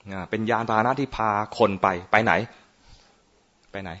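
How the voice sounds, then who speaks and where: A man's voice: on the low side, moderate pace, fairly bright tone. A man, a Buddhist monk, giving an informal dharma talk on meditation in a playful, teasing way, often quizzing his listeners. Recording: muffled lo-fi recording.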